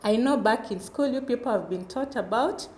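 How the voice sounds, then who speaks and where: Woman, kindergarten-teacher manner, children's Bible lesson, slightly high voice, echoey room with faint noise. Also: moderate pace, darkish tone. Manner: kindergarten-teacher delivery, simple phrases and questions to children. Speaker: Sunday school teacher.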